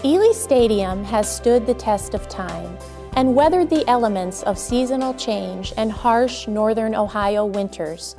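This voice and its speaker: Woman narrating a documentary over music. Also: a little high. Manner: measured, proud, deliberate.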